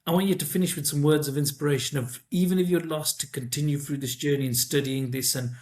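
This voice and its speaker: A man's voice: fairly high pitch, steady tone, quick pace. A man hosting a podcast, asking his guest questions in a casual way. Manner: conversational, prompts the guest with questions. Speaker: podcast host.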